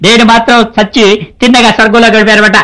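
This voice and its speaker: A man's voice: extremely high pitch, flat delivery, quick pace, bright, forceful tone. A man playing a drowsy, boastful bus passenger who grumbles and rambles through a story. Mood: grumbling. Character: drowsy, boastful male passenger telling his dream.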